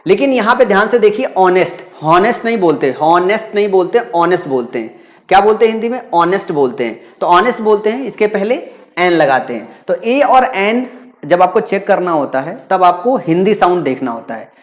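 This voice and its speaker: A man's voice: high-pitched, sing-song, normal speed. A man teaching an exam-prep grammar lesson to students. He drills each point with rhetorical questions and answers them himself, going over the same idea again and again. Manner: calls students "bachcha".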